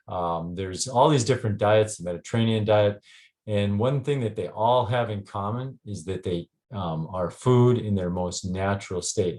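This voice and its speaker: Halting Canadian man, lowish voice. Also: darkish tone. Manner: halting, frequent ums and restarts. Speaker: health clinic doctor. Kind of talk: casual presentation to a group.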